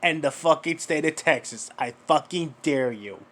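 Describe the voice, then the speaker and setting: A man's voice: a little high, normal speed, a bit bright. A man giving mocking reaction commentary, sarcastic and profane, lecturing the person in a clip.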